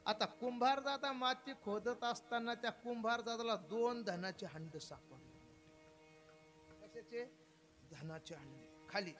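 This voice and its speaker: A man's voice: sits high, measured pace, soft background music. A man giving a devotional kirtan sermon, telling a story and putting rhetorical questions to his listeners. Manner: animated preaching, asks the crowd rhetorical questions.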